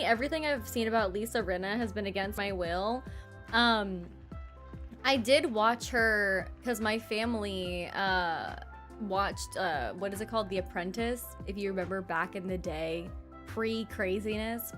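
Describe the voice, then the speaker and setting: A young woman streamer in casual, animated chat, reading her live chat aloud and laughing often. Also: fairly high pitch.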